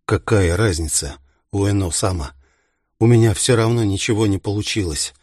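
A man's voice: lowish voice, normal speed, darkish tone, no room sound, studio quality, lightly acted. A man voicing a stubborn, proud young male sergeant pilot, strained and defiant. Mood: bitter. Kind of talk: audiobook character reading.

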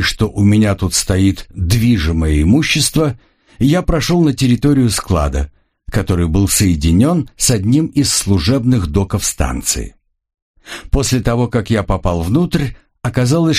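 Husky, lively male audiobook narrator. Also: on the low side. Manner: wry and expressive. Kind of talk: first-person audiobook narration.

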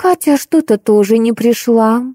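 A woman's voice: a little high, measured pace, warm tone, dry recording, clean studio sound, pitched above the performer's own voice. A woman reading an audiobook, voicing a plump, weepy young office clerk who grumbles plaintively. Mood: chatty.

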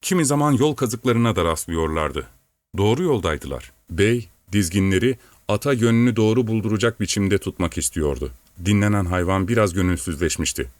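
A man calmly reading a story aloud in measured, steady audiobook narration. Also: lowish voice, no room sound.

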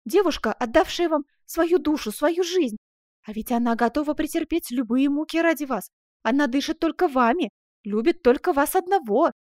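A woman voicing a jealous, tearful young woman who pleads with her master in an audiobook, speaking high and emotionally. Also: lively intonation, brisk, darkish tone, dry recording, clean studio sound. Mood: tearful pleading.

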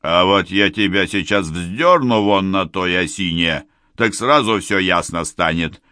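Male reader as a gruff bandit ataman, low and slow, menacing, dry close sound. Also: sharp tone, no echo. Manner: growling, threatening, slow and drawn out. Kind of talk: audiobook character voice.

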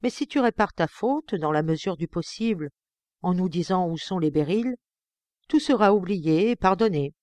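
A woman voicing an outraged middle-aged male banker who shouts accusations at his son, in an audiobook. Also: on the low side, animated, moderate pace, dry recording, natural voice. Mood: pleading.

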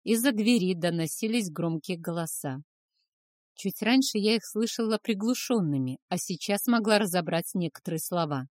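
A calm woman narrates a novel in the first person as an audiobook narrator. Her voice is fairly low and her pace normal, captured in a dry recording with clean studio sound.

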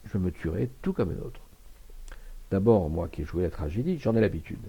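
A man's voice: low-pitched, animated, moderate pace, slightly rough, highs cut off, full character voice. A man reading aloud, voicing a passionate young actress who pleads emotionally. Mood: defiant.

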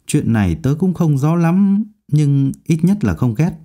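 A man's voice: fairly high pitch, very animated, unhurried, warm tone. A man voicing a chatty female student in a storybook, talking in a confiding, knowing way.

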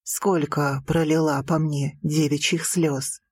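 A woman reading an audiobook, voicing a passionate, teasing young prince with slow, low, intimate delivery. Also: little pitch movement, husky, dry recording, clean studio sound, heavily acted. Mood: tender.

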